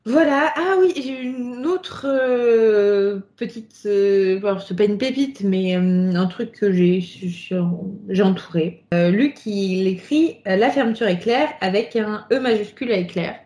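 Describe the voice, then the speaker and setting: A woman co-hosting a casual podcast, chatting in a lively way and laughing often between her points. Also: medium pitch, unhurried, few pauses. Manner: lively, laughs often, many fillers and asides. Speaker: podcast co-host. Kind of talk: casual chat about a book chapter.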